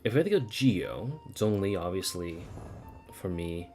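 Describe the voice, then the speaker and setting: Casual and rambling, a man thinks aloud and occasionally swears while livestreaming a video game over its music. His voice is low, expressive and unhurried, with a darkish tone.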